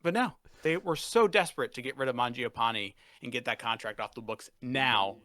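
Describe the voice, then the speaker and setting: A man's voice: mid-range voice, normal speed, sharp tone, dry recording, clean studio sound. A young man co-hosting a casual sports podcast, ranting and swearing with fired-up energy. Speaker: podcast co-host.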